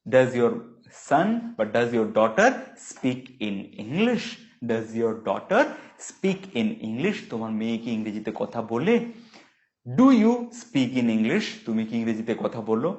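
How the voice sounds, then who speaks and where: A man with a Bengali accent giving a spoken English lesson, drilling English phrases slowly and explaining them quickly. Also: mid-range voice, very animated, darkish tone. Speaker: English tutor. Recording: dull lo-fi sound.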